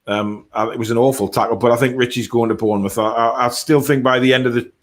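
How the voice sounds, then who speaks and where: A man's voice: medium pitch, fairly even intonation, quick pace. A man hosting a casual football fan chat, reading out viewer comments and answering them in a blunt, matter-of-fact way. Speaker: host of a football fan live stream.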